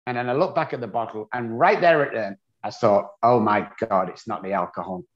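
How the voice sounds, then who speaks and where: A man's voice: on the low side, fairly quick. English guy telling his story, blunt and joking at himself, kinda muffled audio. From England. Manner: candid, self-deprecating storyteller. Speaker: guest. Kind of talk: storytelling interview. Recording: dull lo-fi audio.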